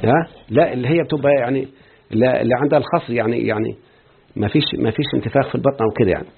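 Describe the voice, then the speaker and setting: A man's voice: mid-range voice, rapid-fire. Man teaching grammar in an Egyptian accent. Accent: Egyptian Arabic. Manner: explains step by step, keeps checking that students follow. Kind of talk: classroom grammar lesson. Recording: tinny phone-like husky recording.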